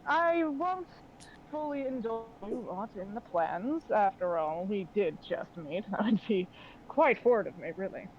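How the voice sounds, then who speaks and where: A woman's voice: medium pitch, lively intonation, unhurried, natural voice. A woman voicing a suave, scheming man who bargains with mock politeness in a tabletop game, on a slightly dull recording with faint noise. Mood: amused. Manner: smooth, theatrical, mock-polite. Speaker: game master.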